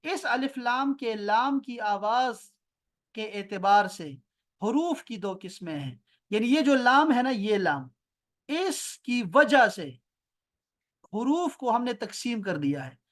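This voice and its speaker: A male Arabic teacher with a Pakistani Urdu accent, giving an online class over a video call from home. He patiently repeats terms slowly and quizzes students by name. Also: high-pitched, lively intonation. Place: home near an airport.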